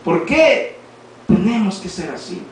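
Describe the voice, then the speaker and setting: A man with a Mexican Spanish accent preaching a sermon in a church, reading scripture and then alternating between quiet lines and shouted appeals. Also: sits high, very animated, slow pace. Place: church hall. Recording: very echoey hall from far off, faint noise.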